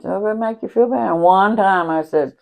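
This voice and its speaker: A woman's voice: mid-range voice, fairly quick, gravelly, darkish tone. An older woman tells family stories in casual chat. She laughs often and acts out the voices of the people in her stories. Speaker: interviewee, mother.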